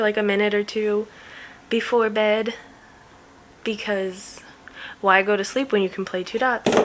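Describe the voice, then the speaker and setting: A woman talks casually to the camera as the host of a knitting video podcast. She rambles easily from topic to topic with soft little laughs. Her voice sits in an ordinary middle range. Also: medium pitch.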